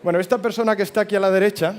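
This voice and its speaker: A man's voice: sits high, steady tone, very fast, some chatter behind. A man in his fifties with a Spain Spanish accent gives a motivational talk. He tells stories, jokes with the audience and asks it questions. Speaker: speaker at a hospitality forum.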